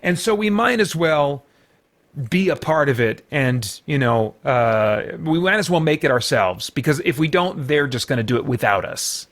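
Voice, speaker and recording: This man's voice is a little high, animated, and fairly bright. As a podcast host and film reviewer, he delivers an off-the-cuff movie review with emphasis, rambling and stumbling through repeated false starts.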